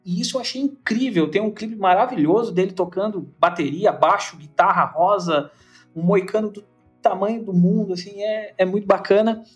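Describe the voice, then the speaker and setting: A man's voice: high voice, normal speed, soft background music. A man with a Brazilian Portuguese accent hosting an interview podcast, talking in an enthusiastic, rambling way. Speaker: podcast host. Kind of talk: casual interview intro.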